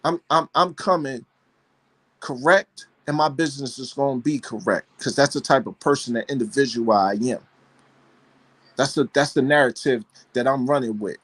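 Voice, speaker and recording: A man's voice: medium pitch, normal speed, fairly bright tone. A man hosting a live panel show as a dog breeder, talking in a fervent, preachy way, with rhetorical questions and repeated phrases. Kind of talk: casual passionate monologue.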